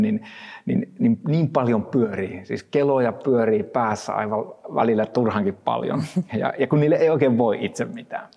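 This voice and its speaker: A man giving a thoughtful Bible reflection, pausing often and restarting his words. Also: mid-range voice, gravelly, slightly rough, long reverb tail, lo-fi sound. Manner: thoughtful, halting, frequent restarts. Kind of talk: reflective Bible devotional talk.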